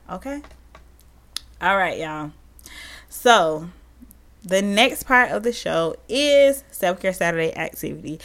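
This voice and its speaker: Chatty low-voiced woman podcast host. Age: adult parent. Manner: chatty and encouraging, addresses listeners as y'all. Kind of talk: casual solo podcast talk.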